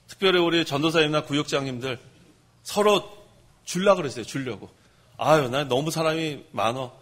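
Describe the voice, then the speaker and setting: A male pastor giving a lively, direct sermon, speaking straight to his congregation with touches of dry humor. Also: on the high side, breathy edge.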